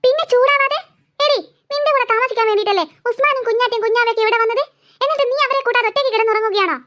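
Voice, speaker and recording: A woman's voice: very high voice, rapid-fire, fairly bright tone. A woman voicing a stern, sarcastic middle-aged mother in a cartoon, scolding her daughter. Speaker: cartoon voice actor. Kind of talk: cartoon dialogue acting.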